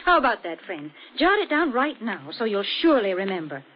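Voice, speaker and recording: Woman pitching products on old-time radio. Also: very animated, fairly quick. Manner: bright, persuasive sales pitch. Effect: old radio broadcast sound. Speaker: commercial announcer. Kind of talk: 1940s radio commercial reading. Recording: dull lo-fi 1940s radio recording.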